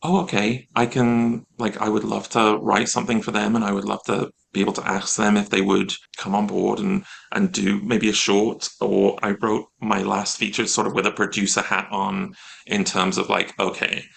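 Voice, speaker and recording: A British actor chatting in an interview, animated and telling stories with acted-out reactions. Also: male voice, on the low side, moderate pace, creaky, slight background noise. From Britain. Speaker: actor guest. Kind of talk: casual interview chat.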